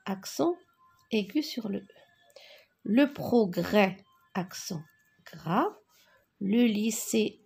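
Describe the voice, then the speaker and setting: Husky woman teacher, slow and a bit gravelly, reading out spelling answers. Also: medium pitch, a little mellow. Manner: slow, dictating spelling, repeats words. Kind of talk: worksheet correction lesson.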